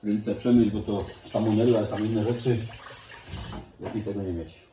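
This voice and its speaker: A man's voice: on the low side, fairly even intonation, normal speed. A man with a Silesian accent, chatting in a folksy way as he gives a casual step-by-step cooking demonstration. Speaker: home cook hosting a cooking video. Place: indoor kitchen. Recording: echoey room with loud kitchen noise. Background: clattering dishes, cutlery and pans.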